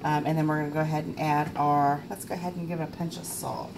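She has a deep voice and a flat delivery at a quick pace, heard over a noisy kitchen background. A woman in her forties, she hosts a casual home cooking show on a camera mic, chatting with many fillers and plenty of self-deprecation.

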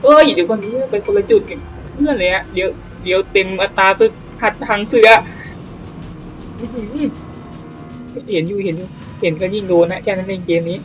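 A man giving casual let's-play commentary on a naval battle game, excitable, swearing casually and exclaiming often. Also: high voice, fairly quick, pauses often, muffled recording, faint music behind.

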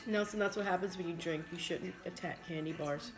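A woman's voice: on the low side, brisk, over music. A woman in her thirties chatting on a home live stream while eating, with dry, teasing comebacks. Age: 30s. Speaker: mukbang co-host. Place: home kitchen at a dining table.

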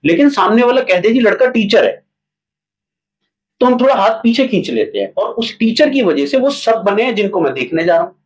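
Man, playwright, interview guest, high voice, husky tone, animated storytelling. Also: normal speed, rough recording. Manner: animated storytelling, acts out examples. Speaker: playwright and theatre director. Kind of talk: casual interview talk.

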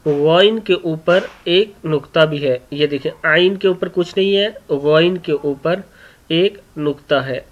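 Male teacher, unhurried, drills each sound for young pupils; muffled lo-fi sound. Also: on the high side. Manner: repeats each sound many times, clears throat often. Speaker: Quran reading teacher. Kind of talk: slow letter-by-letter lesson for children. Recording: dull lo-fi recording.

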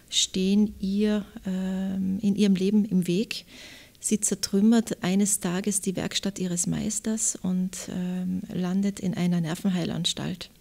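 A woman author with an Austrian German accent, answering interview questions and reading from her novel in a measured, thoughtful way. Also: medium pitch, mellow. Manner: measured, thoughtful, reflective pauses.

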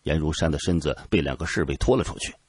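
A man narrating an audiobook with lively storytelling. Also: very deep voice, quick pace, breathy edge, no echo, studio quality.

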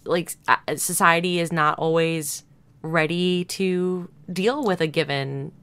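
A woman's voice: lowish voice, measured pace, a bit bright, clean tone. A woman chatting casually as a podcast co-host. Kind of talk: casual conversational chat.

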